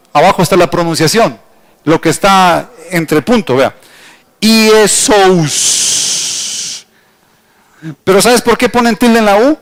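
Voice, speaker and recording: A middle-aged Ecuadorian pastor with a bright, high-pitched voice teaches his congregation. He speaks with an Ecuadorian accent, talks to the people directly, and slows right down when he spells out a word. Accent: Ecuadorian Spanish. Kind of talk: teaching sermon. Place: church hall.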